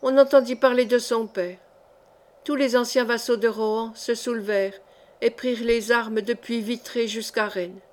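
A woman reading a historical novel aloud in a measured, clear way. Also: on the high side, steady tone. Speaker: audiobook reader.

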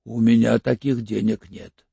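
A man voicing Fomin, a sly, wary older male crook who haggles in a cagey, hoarse voice, in an audiobook. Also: medium pitch, little pitch movement, a little slow, warm tone, no room sound, muffled recording, heavily acted. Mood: cagey, bargaining.

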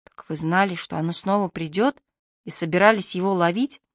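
A woman voicing a sharp, clever young woman police trainee who hisses angrily. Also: lowish voice, fairly quick, dry recording, studio quality, close to an everyday voice. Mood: indignant. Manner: angry, fierce hissing.

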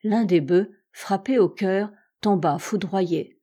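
A woman narrates a classic adventure novel with measured, expressive storytelling. Her voice is mellow and sits at a middle pitch. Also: husky. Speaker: audiobook reader. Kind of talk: scripted narration.

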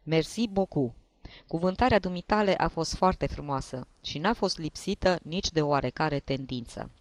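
A man's voice: fairly high pitch, no echo, close to an everyday voice. A man voicing a flustered young groom who thanks a speaker awkwardly and effusively. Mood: grateful.

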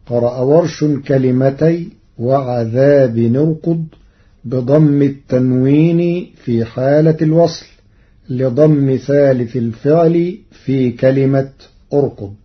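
Egyptian-raised guy teaching recitation rules on the radio, super slow and measured, muffled old broadcast sound. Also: medium pitch. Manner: measured, explains then chants short verse quotes. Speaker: Quran recitation scholar. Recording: dull lo-fi radio archive recording.

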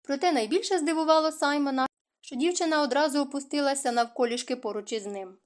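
A woman reading a romance novel aloud as an audiobook narrator, in expressive storytelling. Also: sits high, fast.

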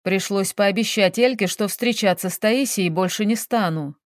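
A woman's voice: medium pitch, normal speed, dry recording, clean studio sound, natural voice. Woman voicing a flustered businessman. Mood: defensive. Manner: agitated, blustering, whining. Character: flustered middle-aged male businessman.

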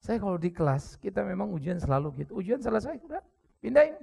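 A man with an Indonesian accent preaching a sermon, joking with the crowd and bursting into sudden shouts. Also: high voice, fast talker, vocal fry, slightly rough. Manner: lively preaching with jokes, acted quotes and sudden shouts. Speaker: pastor.

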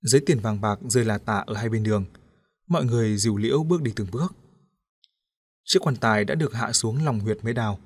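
A man narrating an audiobook story in a steady, even storytelling manner. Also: fairly low pitch, brisk.

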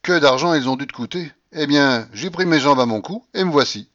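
A man voicing an imperious, sharp-tongued old woman who mocks everyone around her. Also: on the high side, expressive, brisk, dry recording, dull audio, pitched above the performer's own voice. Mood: scolding. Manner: loud, scolding, sarcastic.

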